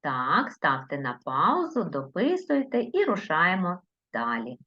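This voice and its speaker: A primary school teacher with a Ukrainian accent gives a recorded lesson to young children in a lowish, somewhat slow voice with huge pitch swings, and the highs are cut off. She stretches out her words and coaxes answers with questions.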